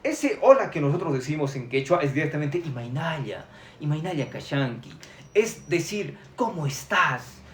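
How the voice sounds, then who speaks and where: A man's voice: on the high side, very animated, moderate pace, few pauses, reverberant, slight background noise. A man teaching Quechua on a live stream, chatty and upbeat, reading out viewer comments and repeating words.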